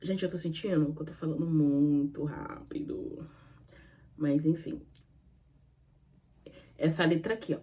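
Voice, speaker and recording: A woman's voice: low voice, steady tone, a little slow, pauses often, mellow, husky. A young woman chatting in a casual vlog, telling a story in a rambling way and acting out both sides of the conversation. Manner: chatty, rambling, often says "gente" and "falei assim". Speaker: vlogger.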